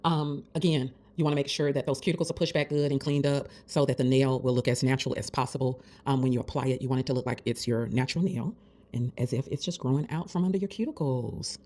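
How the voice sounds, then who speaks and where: Low-voiced woman chatting a nail tutorial. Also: steady tone, quick pace, darkish tone. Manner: chatty, encouraging, addresses viewers as besties. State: has the hiccups. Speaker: nail care vlogger. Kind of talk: casual tutorial chat.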